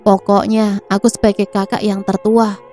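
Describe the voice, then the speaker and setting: A woman's voice: medium pitch, level tone, normal speed, warm tone, faint music behind, natural voice. A woman voicing a greedy, domineering eldest brother who demands the largest share. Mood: demanding.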